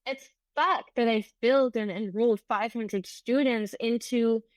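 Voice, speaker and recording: A middle-aged woman whose first language is German hosts an unscripted solo podcast as a business coach, earnest and reflective, often restarting her sentences. Her voice is on the high side and unhurried, with no echo.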